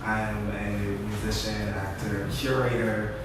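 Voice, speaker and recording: A young man introduces himself slowly and without hurry. His voice sits in a middle register. He is distant in a very echoey room with noise behind. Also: fairly low pitch, little pitch movement. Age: 20s. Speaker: guest, musician. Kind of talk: casual panel chat.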